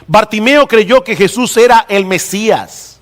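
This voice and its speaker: A male pastor preaching a sermon in a church hall, stressing key words by slowing down and rising. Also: high voice, fairly bright tone. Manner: emphatic preaching, slows down and rises for stress. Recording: long reverb of a hall.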